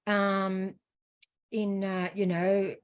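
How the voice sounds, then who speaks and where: An Australian woman, a running coach, talking as a guest in a relaxed, self-deprecating way. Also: medium pitch, drawn-out words. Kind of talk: casual interview chat.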